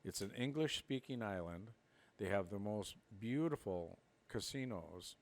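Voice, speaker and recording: A middle-aged man from Minnesota co-hosts a podcast, telling rambling stories in a casual chat and laughing often. His voice is fairly low and animated, with vocal fry, and he keeps a measured pace.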